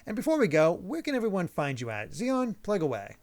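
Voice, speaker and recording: Lively upbeat male podcast host. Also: high-pitched, brisk. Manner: laughs often, upbeat and chatty. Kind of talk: casual gaming chat.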